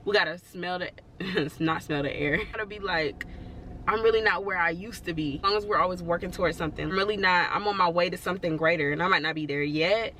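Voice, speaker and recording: Chatty bright-voiced woman vlogger. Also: lowish voice, brisk, slight background noise. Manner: chatty and rambling, full of "like" and "you know"; encouraging, reassuring. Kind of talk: casual motivational talk to camera.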